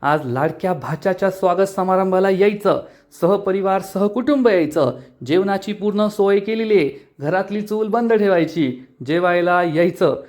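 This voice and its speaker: A man's voice: high-pitched, moderate pace, few pauses, a little mellow, voice pushed up, close to an everyday voice. A man voicing a proud, boastful older village man who mocks and orders a relative around. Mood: mocking. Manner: mocking, bossy.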